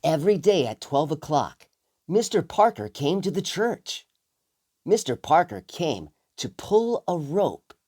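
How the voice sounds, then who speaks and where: A woman reading a children's story aloud as a narrator, in a deliberate and expressive way. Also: sits low. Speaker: storybook reader. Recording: music behind the voice.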